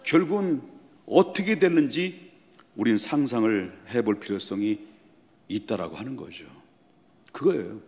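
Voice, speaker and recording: A male pastor delivering a sermon, often asking his congregation rhetorical questions and building to loud, emphatic passages. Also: mid-range voice, expressive, moderate pace, long pauses. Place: church sanctuary. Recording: long church hall reverb.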